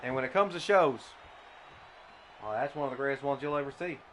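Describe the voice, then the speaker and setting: A man doing comedic mock wrestling commentary, deadpan and absurd, often stammering into restarts. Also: medium pitch, fairly quick. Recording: noisy background.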